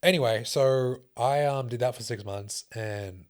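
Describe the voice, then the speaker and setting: A man's voice: medium pitch, unhurried. A young adult man and fitness coach telling emotional personal stories in a casual conversation, swearing often. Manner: emotional storytelling with frequent swearing.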